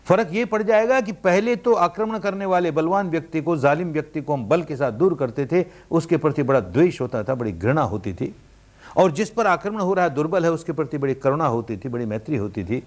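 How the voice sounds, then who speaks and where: A man giving a spoken meditation discourse in an earnest preaching manner, with rhetorical questions and swings between loud emphasis and quiet softness. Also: on the high side, animated, brisk. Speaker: meditation teacher. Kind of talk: dharma discourse.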